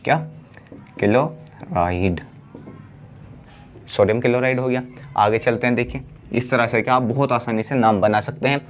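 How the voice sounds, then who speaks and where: A man teaching a class chemistry lesson. He asks the class questions and answers them himself, drawing out the key words slowly. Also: mid-range voice, fairly even intonation, a little hiss or hum. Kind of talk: blackboard lesson.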